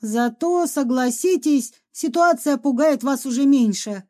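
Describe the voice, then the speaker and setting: A courteous, unhurried gentleman ghost doctor, read by a woman narrator. He speaks in a measured, polite manner with a soft, mellow tone. It sounds like an audiobook reading. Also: sits high, animated.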